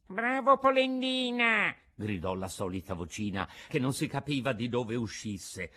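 A man narrating a classic storybook in an expressive, theatrical reading. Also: on the low side, moderate pace. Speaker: reader.

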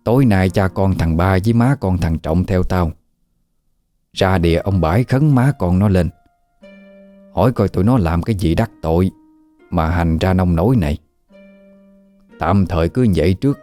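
A man voicing a sharp-tongued old village shaman woman who gives stern commands. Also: low voice, moderate pace, pauses often, faint music behind, lightly acted.

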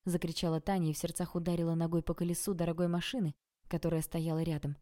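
A woman narrating an audiobook in a calm, even reading voice. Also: on the low side, quick pace.

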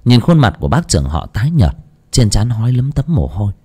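A man narrating an audio ghost story in a dramatic, lively telling. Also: mid-range voice, fairly quick, breathy edge.

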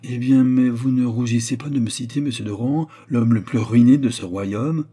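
A man's voice: medium pitch, moderate pace, dark tone, pitched above the performer's own voice, close to an everyday voice. A man reading aloud as a troubled king, moving between anxious questions and royal command. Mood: imperious. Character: agitated anxious king of France. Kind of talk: audiobook character reading.

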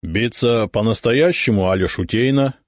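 Brief: man playing a blunt, slow-talking Cossack brawler, village speech. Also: lowish voice, dry recording, clean studio sound, lightly acted. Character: sturdy seasoned male Cossack fistfighter, blunt.

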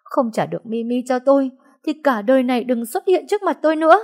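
A woman's voice: fairly low pitch, moderate pace, warm tone, breathy edge. A woman voicing a grief-stricken young mother in an audiobook, crying out and pleading. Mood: frantic. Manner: screaming, sobbing pleas. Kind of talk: audiobook dialogue.

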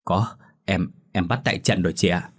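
A man's voice: low voice, fairly even intonation, normal speed, breathy edge. A man voicing a jealous young wife who pleads through sobs in a ghost story audiobook. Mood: flustered. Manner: pleading, sobbing complaints. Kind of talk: audiobook character voice.

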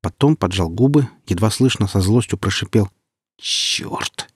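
A man reading an audiobook in an even, descriptive style. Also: lowish voice, a little fast, slightly rough, no echo, studio quality. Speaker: audiobook reader. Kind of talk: scripted narration.

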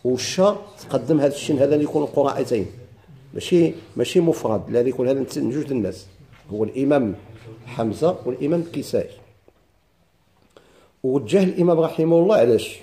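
A man's voice: mid-range voice, dark tone. Man with a Moroccan accent teaching Quranic readings. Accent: Moroccan Arabic. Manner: explains step by step, chants verses slowly, asks students questions. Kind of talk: classroom lesson on Quranic readings.

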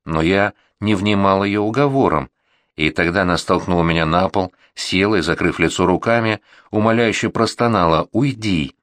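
A man reading a first-person story aloud in a measured, reflective storytelling manner. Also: sits low, a bit bright, no echo. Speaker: narrator. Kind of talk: first-person audiobook narration.

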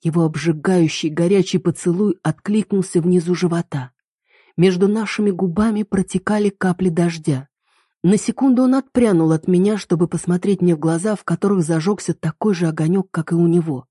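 A woman narrates a first-person story in a steady, expressive way. Her voice is low and mellow. The recording is dry and close. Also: a little fast, husky, no room sound. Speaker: reader.

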